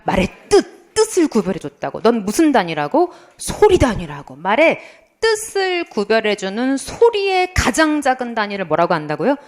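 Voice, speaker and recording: A woman's voice: a little high, moderate pace. A middle-aged woman lecturing for an exam prep course, quizzing students and then answering her own questions in a playful way. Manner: lively, asks students questions and answers them herself; playful, imitates sounds and tells funny anecdotes. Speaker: Korean language lecturer.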